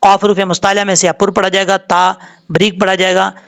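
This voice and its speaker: A man's voice: sits high, little pitch movement, a little fast, creaky, a bit bright. A man teaching Quran recitation rules, patiently explaining letters and vowels step by step. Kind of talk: tajweed lesson, spelling out letters and vowels.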